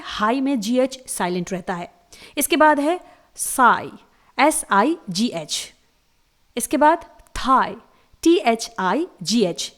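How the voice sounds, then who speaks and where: A woman teaching a slide lesson, reading out rules slowly and spelling each word letter by letter. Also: on the high side. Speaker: English teacher.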